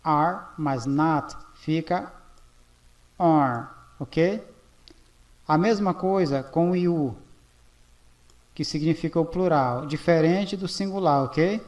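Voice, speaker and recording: A man from Brazil walks through a grammar lesson at a board. His voice sits a little high and he speaks slowly, checking in with "ok?" again and again. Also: a little mellow. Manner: slow, repeats "ok?" often. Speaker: English teacher.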